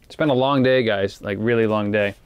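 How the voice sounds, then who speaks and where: Inside a small ice fishing shelter on a frozen lake, a man chats with viewers in an easygoing, meandering vlog, an action camera aimed at him. He speaks a little fast in a lowish voice. It's a smooth, dry recording.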